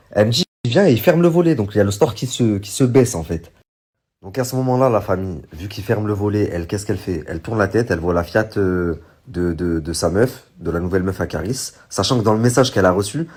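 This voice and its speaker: A man casually retelling a story to his viewers, rambling with many fillers and animated bursts when he quotes others. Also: on the low side, husky. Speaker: online commentator recounting a story.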